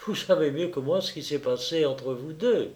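A man's voice: on the high side, moderate pace, a little mellow, natural voice. A man reading aloud, voicing a proud, dignified young noblewoman who answers with cool restraint. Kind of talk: audiobook character voice.

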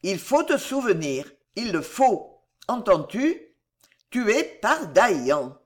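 A cold, menacing grand inquisitor, as a reader puts him on, who speaks slowly and insistently, pressing each word. His pitch moves in a lively way. He sounds like the villain of an old adventure novel. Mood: calm menace. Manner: calm, slow and insistent, then harsh. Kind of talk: audiobook reading.

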